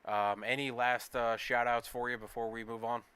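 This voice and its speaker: A man hosting post-race interviews for an online racing league, relaxed, with easy chuckles. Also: medium pitch, normal speed, clean tone. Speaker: race broadcast host.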